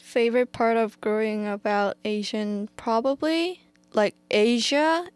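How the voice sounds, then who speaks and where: Young woman co-host, very slow, searching for words, crisp clear voice. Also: fairly high pitch, no echo. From South Korea. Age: young adult. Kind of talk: casual campus radio chat.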